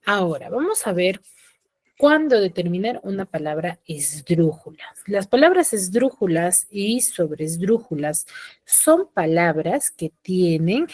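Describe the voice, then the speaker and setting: A woman teacher giving an online class, explaining slowly and checking in with her students after almost every point. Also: lowish voice, very animated, darkish tone, no echo. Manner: slow and explanatory, often checks with "¿ya?" and "¿sí?". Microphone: computer mic on a video call.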